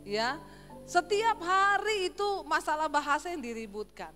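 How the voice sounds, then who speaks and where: A woman pastor from Sulawesi with a Sulawesi accent, preaching a sermon with humorous, animated storytelling. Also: high voice, moderate pace. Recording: echoey church hall with faint music.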